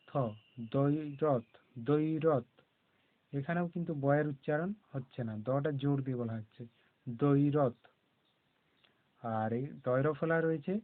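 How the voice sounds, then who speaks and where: Man, children's reading lesson, slow patient explaining, thin narrow sound. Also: medium pitch. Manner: slow, patient, spelling out letters one by one. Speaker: primary school teacher. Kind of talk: classroom lesson on conjunct letters. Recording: tinny phone-like recording.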